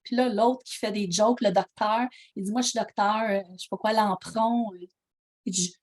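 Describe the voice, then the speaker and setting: A woman's voice: mid-range voice, moderate pace. A woman with a Québécois accent, ill with pneumonia, telling a story animatedly in casual talk and acting out the dialogue. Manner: animated, acts out dialogue, laughs while telling. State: ill with pneumonia, prone to coughing. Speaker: coaching call participant. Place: at home.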